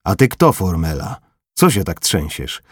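A man voicing a coarse Red Army corporal who mocks and barks orders in a husky voice. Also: deep voice, very animated, a little slow, dry recording, clean studio sound, heavily acted. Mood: mocking. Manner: crude, mocking, barking.

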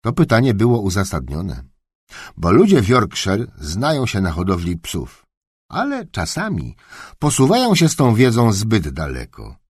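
A man giving an expressive, wry storybook narration as an audiobook narrator. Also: fairly low pitch, moderate pace, slightly rough, dry recording, studio quality.

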